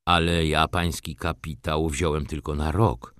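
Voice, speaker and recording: A man's voice: a bass voice, fairly even intonation, measured pace, a bit bright, clean tone, no echo, studio quality. A man voicing a middle-aged merchant who speaks in a clipped, businesslike and restrained way. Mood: curt. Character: middle-aged male merchant, cool and curt.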